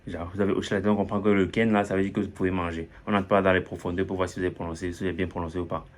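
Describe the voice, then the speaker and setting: A man's voice: low-pitched, flat delivery, very fast. A man giving a casual pronunciation lesson, chatty, repeating example phrases and asking for agreement. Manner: chatty, repeats example phrases, says "n'est-ce pas" often. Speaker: English pronunciation teacher.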